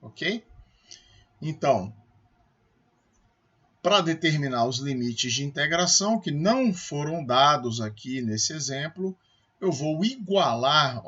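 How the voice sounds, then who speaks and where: A man's voice: a little high, a bit bright, breathy edge, dull audio. A man with a Brazilian Portuguese accent, a math professor giving a recorded calculus lecture, explaining step by step and checking with his students as he goes.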